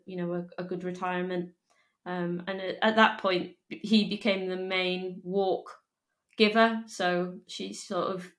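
This interview guest from Liverpool, England, has a fairly low voice and chats casually, her storytelling halting and full of restarts and ums. The echoey audio comes through an earphone mic on a video call.

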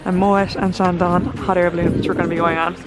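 A woman with a fairly low voice narrates her travel vlog casually and chattily. She gushes freely and scatters "like" through her sentences while clear pop music plays behind her. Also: level tone, fast talker, poor audio. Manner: chatty and gushing, many "like" fillers. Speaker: travel vlogger.

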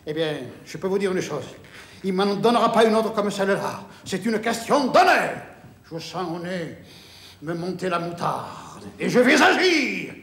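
A man playing a proud aging father whose honor has been wounded. He is grandiloquent and swings between shouting and mumbling. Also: sits high, very animated, measured pace, echoey room, heavily acted. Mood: indignant. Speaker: sitcom actor playing a father in a stage parody. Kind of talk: theatrical comic acting.

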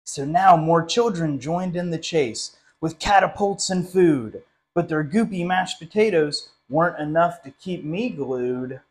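A young adult man with a fairly high voice, a literacy council director, reads a picture book aloud at a slightly slow pace. His storytime delivery is friendly and animated, aimed at young listeners. He is seated in a small classroom, a short distance from the camera.

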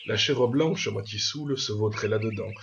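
A man reading a classic tale aloud with lively expression, often speaking to the listener directly. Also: on the low side, normal speed, vocal fry, slight background noise. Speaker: storyteller. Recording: dull lo-fi with birds chirping.

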